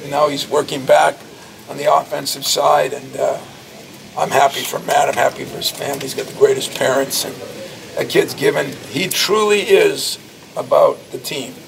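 A man in his sixties, a college basketball coach, fields questions in a packed post-game press scrum outside a locker room, talking emphatically and telling anecdotes. His voice runs on the high side with vocal fry and a fairly bright tone, sounding distant. Reporters' handheld mics are clustered close, though the recording in the noisy hallway puts the mic a step away.

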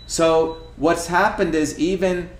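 A man's voice: fairly high pitch, fairly even intonation, slow. Emphatic man lecturing in a roomy kitchen. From India. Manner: emphatic, lecturing, repeats points and asks "okay?". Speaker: host. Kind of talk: casual talk while cooking. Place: home kitchen, indoors. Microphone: camera across the kitchen. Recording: echoey kitchen room.

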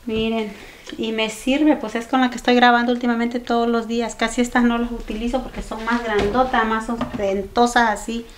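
A woman's voice: fairly high pitch, level tone, normal speed, slight background noise. Chatty woman vlogging at home. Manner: chatty, exclaiming, addresses viewers as "mis chicas". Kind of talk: casual daily vlog talking to viewers. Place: home kitchen and dining room, indoors. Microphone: camera on tripod and handheld camera. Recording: home vlog with clear kitchen clatter.

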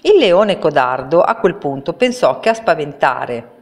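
A woman reading a children's storybook aloud in a calm, measured way. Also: low-pitched. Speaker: reader. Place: public library. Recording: reverberant room.

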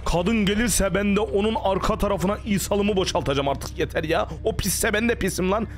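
A man with a high voice talks through a horror game in a jumpy, panicky way, swearing and exclaiming as he goes. Game music plays faintly behind him. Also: fairly quick. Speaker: gaming streamer. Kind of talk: horror game let's play commentary.

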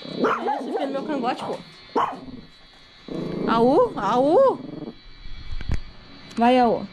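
Woman, higher voice, sing-song baby talk to her dogs, noisy home recording with dogs in the background. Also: big pitch swings, very slow. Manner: cooing, sing-song, repetitive. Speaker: vlogger talking to her pets.

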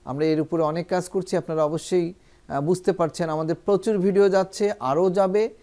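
A teacher giving a spoken English lesson, explaining each point to the viewers and then reading English example sentences slowly and carefully. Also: mid-range voice, fairly even intonation, dark tone. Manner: addresses viewers directly and often.

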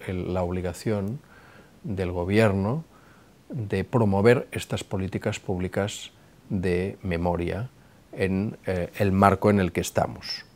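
A middle-aged man giving a formal talk to camera from his office, speaking in a measured way with frequent hesitations, on a lapel mic. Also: low voice, darkish tone. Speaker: director of a memorial institution, giving a talk. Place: office with a flag behind him.

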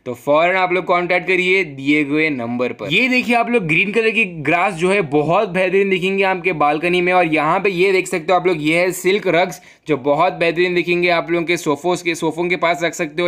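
Guy doing a quick salesy shop promo voiceover, kinda high voice, keeps saying dude. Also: steady tone, fairly bright tone. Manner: fast salesy pitch, repeats "dude". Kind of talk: promotional voice-over. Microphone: voice-over over photos.

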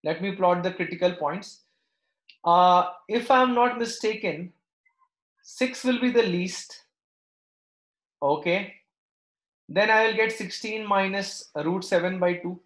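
A man's voice: sits high, takes it slowly, long pauses, a bit bright. A man teaching maths live, working through steps aloud and checking understanding with short questions. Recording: echoey, roomy sound.

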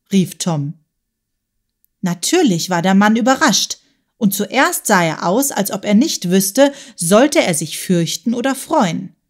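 Casting: Hörbuchsprecherin, ruhige, erzählende Kinderbuch-Lesung. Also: female voice, mid-range voice. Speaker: audiobook narrator. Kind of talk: scripted narration of a children's audiobook.

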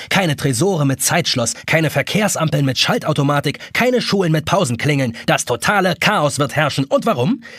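A man's voice: on the high side, a bit bright, husky, dry recording, clean studio sound. Audiobook villain: menacing giant pocket watch, vengeful and barking, voiced by a man. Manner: threatening, barking proclamations.

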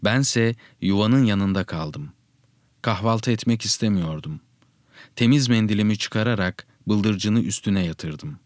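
A man narrating a first-person story in a steady, reflective reading style. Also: fairly low pitch, unhurried, no echo, studio quality.

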